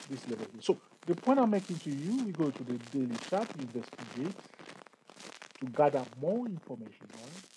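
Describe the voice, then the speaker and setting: A trading tutor talks through charts on a screen share in a chatty, repetitive way, putting questions to the viewer and laughing at his own jokes. His voice is medium-pitched with a dark tone. The recording is rough, with faint background noise.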